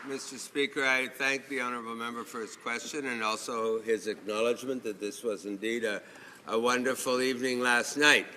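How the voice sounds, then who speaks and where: A man's voice: mid-range voice, fairly even intonation, brisk, a crowd in the background. A man speaking as a government minister, giving a formal answer in a parliamentary chamber. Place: large legislative chamber. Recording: echoey hall, noisy background.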